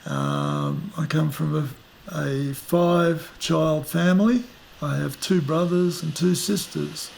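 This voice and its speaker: A man in his fifties with an Australian accent, talking in an unhurried, reflective way as an interviewee, often trailing into fillers. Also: on the high side, big pitch swings, vocal fry. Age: 50s. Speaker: musician interviewee. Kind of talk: casual interview. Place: outdoors at the back of a house, rainy day.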